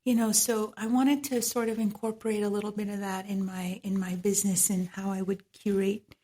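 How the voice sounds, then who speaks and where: A Trinidadian woman, a medical esthetician, is a guest in a podcast interview, speaking reflectively and laughing often. Her mellow, mid-range voice has little pitch movement and moves fairly quickly, with a Trinidadian accent.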